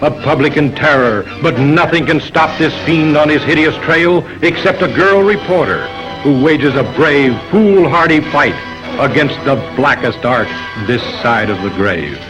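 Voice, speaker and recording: A man's voice: on the high side, animated, a little slow, poor audio. A man playing a lurid, grandiose announcer in vintage B-movie trailer narration, on an old film soundtrack. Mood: ominous. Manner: grandiose, sensational. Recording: old film trailer under loud music.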